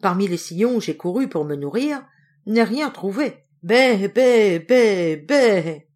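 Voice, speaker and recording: A woman's voice: medium pitch, very animated, moderate pace, darkish tone. Woman doing a lying nanny goat, whiny bleats, storybook.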